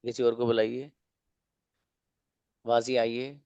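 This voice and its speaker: Man, online english teacher, slow explanations, rhetorical questions, dry sound. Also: medium pitch, little pitch movement, darkish tone, clear, resonant tone, no room sound, dull audio. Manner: explains slowly, asks and answers own questions. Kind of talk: online class lecture.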